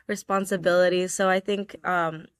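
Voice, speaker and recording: In a dry recording, a young woman speaks with a fairly low, clear, resonant voice, level in tone and at normal speed. She's a student guest from Georgia in the US, casually answering interview questions and filling them with "like" and "um."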